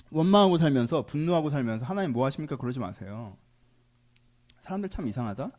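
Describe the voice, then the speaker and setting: A man preaching a sermon in a high, lively voice that leaps around his range. He challenges the congregation with rhetorical question after question. He moves between forceful exhortation and soft, low asides. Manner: swings between loud exhortation and quiet asides. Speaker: pastor.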